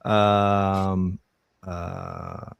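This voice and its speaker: Low, lively male game master. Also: very slow, vocal fry, clear, resonant tone, no room sound. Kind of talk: casual narration of a tabletop role-playing game.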